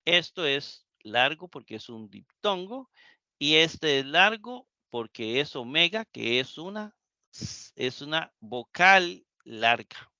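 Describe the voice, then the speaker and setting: A man's voice: fairly high pitch, big pitch swings, takes it slowly, pushed and bright, clean tone, no room sound, highs cut off. A man teaching Greek in a live class lecture. He repeats the key points and keeps asking the students questions.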